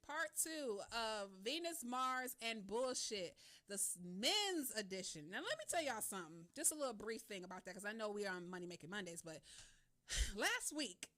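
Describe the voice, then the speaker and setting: A bright, sharp-toned woman hosts a radio show from a studio mic. She talks in a loose, animated way, full of slang and swearing, and laughs often. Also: a little high. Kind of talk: casual talk radio monologue.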